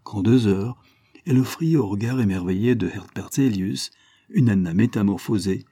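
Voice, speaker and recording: A man reading an audiobook novel in a measured, literary way. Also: mid-range voice, dark tone, breathy edge, no room sound, studio quality. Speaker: narrator. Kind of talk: audiobook narration.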